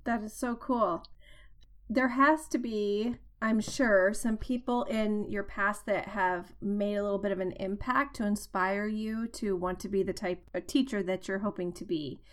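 A woman's voice: mid-range voice, fairly even intonation, measured pace. Encouraging woman interviewer. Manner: encouraging and affirming. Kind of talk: interview questions.

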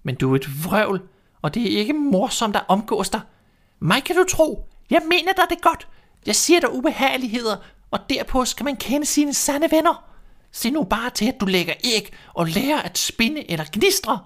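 A bossy, self-important old hen lectures in a shrill, piercing squawk. Her voice sits far above a plain speaking voice and comes out loud and pinched. Every line she speaks is a scolding. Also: sing-song, exaggerated voice. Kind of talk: storybook reading.

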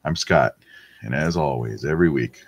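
A man with an extremely deep voice, gravelly and husky, talks from his home as host of a weekly prayer show. His delivery is gentle and halting, full of ums and loose asides. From Wisconsin, USA. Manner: soft-spoken, hesitant, many ums. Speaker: podcast host leading the rosary. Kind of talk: casual prayer-show chat.

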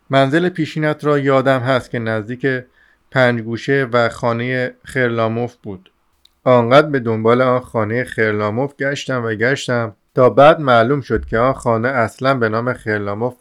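Man voicing young male student, excitable, rambling, smooth clear voice, audiobook. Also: medium pitch, lightly acted. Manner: rambling, eager, talks over himself. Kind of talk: audiobook character reading.

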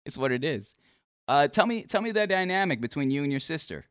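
A man's voice: on the high side, sing-song, brisk, clear, resonant tone, no echo. Guy streamer chatting, teasing, dry close sound. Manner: chatty, teasing, laughs easily, repeats words. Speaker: streamer interviewing a guest. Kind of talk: casual chat.

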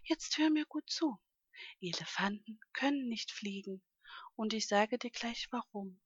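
A woman's voice: a little high, animated, unhurried, breathy edge, no room sound. Kindly storybook ostrich, patient and reassuring, read by a woman; dull, dry recording. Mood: explaining. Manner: gentle, explaining, reassuring. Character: big friendly male ostrich, calm and kindly.

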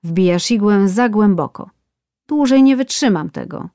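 A woman's voice: mid-range voice, lively intonation, a little slow, mellow, no room sound, clean studio sound. A woman voicing a whining man getting a tattoo, complaining and pleading in a storybook tale. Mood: pained.

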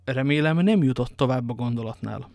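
A man's voice: medium pitch, creaky, a little mellow, no echo, natural voice. Guy doing a fiery young musketeer in an audiobook, keeps exclaiming, dry. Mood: agitated. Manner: agitated, exclaiming. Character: D'Artagnan, a hot-headed young male musketeer. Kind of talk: audiobook reading.

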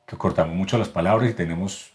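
A man's voice: deep voice, quick pace. A Colombian man from Medellín with a paisa accent, a voice actor and announcer talking as a podcast guest, explaining at length with frequent restarts and repeated words. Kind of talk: casual podcast interview.

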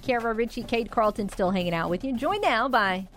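A woman's voice: fairly high pitch, lively intonation, fairly quick, fairly bright tone, faint music behind. A woman hosting a sports radio show with casual, joking, self-deprecating chat.

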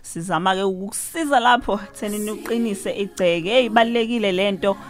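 Brisk female radio host with a Zulu accent. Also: mid-range voice. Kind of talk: radio presenting.

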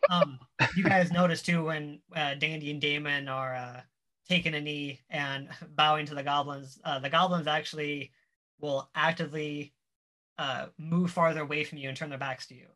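A game master casually narrating a tabletop game in a halting way, searching for words. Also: medium pitch, fairly even intonation, bright, forceful tone.

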